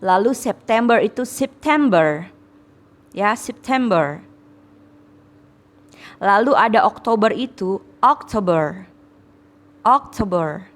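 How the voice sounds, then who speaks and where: A woman's voice: medium pitch, lively intonation, takes it slowly, long pauses. Indonesian-accented woman, English teacher, patient and repetitive, lightly teasing. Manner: patient, repeats words, teasing. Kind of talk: classroom lesson, correcting students.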